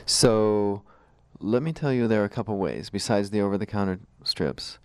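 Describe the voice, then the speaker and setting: A man with a low, smooth voice hosts a radio interview in a dry studio sound. He talks informally and explains things step by step. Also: moderate pace, darkish tone, no room sound. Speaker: radio show host, dentist.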